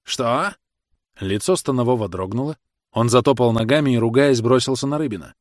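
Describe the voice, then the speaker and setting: A man narrating a classic novel as an audiobook, steady and measured with dramatic weight. His voice sits in the middle of the male range, recorded close and dry with no room around it. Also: mid-range voice, no room sound.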